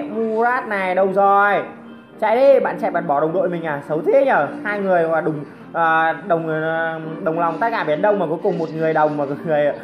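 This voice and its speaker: A woman giving excited commentary over her own mobile game match, full of exclamations and teasing jabs at opponents. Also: medium pitch. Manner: exclamatory, teasing opponents, frequent cries of surprise. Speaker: gameplay commentator.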